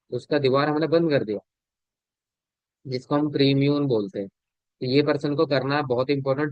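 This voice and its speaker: A man coaching a sales team in an informal talk. He keeps asking whether they understand, repeats his points, and changes his loudness and speed to demonstrate. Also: medium pitch, no echo. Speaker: sales business trainer. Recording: dull lo-fi audio, dry.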